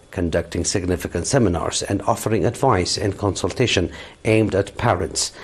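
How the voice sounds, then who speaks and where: A man reading a television news bulletin in a formal, measured way, now and then correcting himself. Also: deep voice. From Eritrea. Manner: formal, measured newsreading with occasional slips and self-corrections. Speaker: news anchor.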